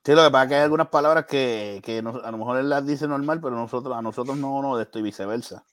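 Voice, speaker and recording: A man's voice: medium pitch, fast talker, no echo. A man in casual chat, telling stories animatedly and acting out quoted voices. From Puerto Rico. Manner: animated storytelling with acted-out quotes.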